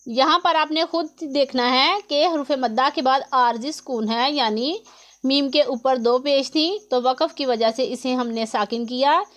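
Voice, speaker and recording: A woman's voice: high-pitched, measured pace, fairly bright tone. A woman teaching Quran recitation rules, patiently explaining each letter and how long to hold it, recorded close to the mic. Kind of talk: slow step-by-step tajweed lesson.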